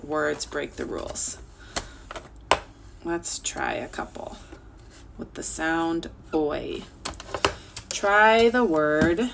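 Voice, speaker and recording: Slow, gravelly-voiced woman teaching phonics. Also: deep voice, background noise. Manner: slow, clear sounding-out of words. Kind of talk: online phonics lesson for children.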